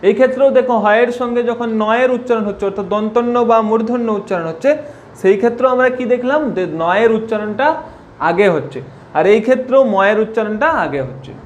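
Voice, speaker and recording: Speaking fast with an extremely high voice, a man gives a spelling and pronunciation lesson, repeating every point and posing questions he answers himself. The recording is muffled, with a little hiss or hum.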